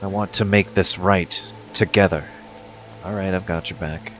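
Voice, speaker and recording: A man with a low voice reads fantasy game dialogue aloud as a streamer. Music plays faintly behind him. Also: steady tone, normal speed, fairly bright tone. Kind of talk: reading game dialogue aloud, casual asides.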